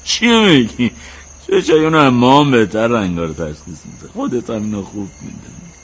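Brief: male actor as a lower-voiced grown son, warm teasing. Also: a little hiss or hum, close to an everyday voice. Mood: fond. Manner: chuckling, teasing. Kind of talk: radio drama acting.

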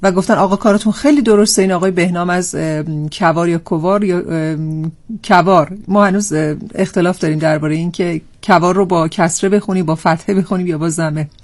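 A woman's voice: fairly low pitch, steady tone, a little mellow. A woman hosting a live call-in show in a friendly, chatty way, reading out listener texts. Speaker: radio show host.

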